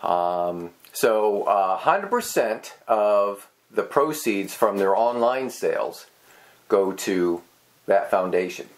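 A middle-aged man co-hosting a casual whiskey tasting chat, rambling and hesitant with many pauses and restarts. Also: fairly low pitch, lively intonation. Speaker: co-host.

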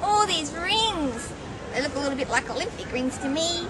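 A woman's voice: high-pitched, lively intonation, normal speed. A woman performing as a kids party magician in a clown act, exclaiming and coaxing young children to join in with her tricks. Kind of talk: live children's magic show patter. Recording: loud music and noisy crowd behind. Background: music and a crowd of children.

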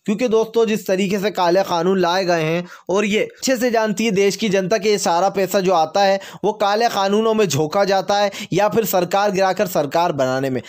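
A man presenting a fast, emphatic, opinion-heavy news rundown, leaning on catchphrases and fillers. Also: sits high.

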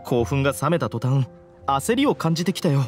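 A man's voice: mid-range voice, sing-song, brisk, darkish tone, close to an everyday voice. A man voicing an anxious, dejected young student in an anime game, hesitant and earnest. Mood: worried. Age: young adult. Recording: music under the voice.

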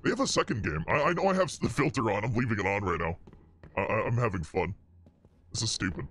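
A male game streamer talking through a deepening voice changer filter, goofing around and testing how it sounds. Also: lively intonation, fast, a bit bright, husky, heavily acted. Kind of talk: casual gaming commentary.

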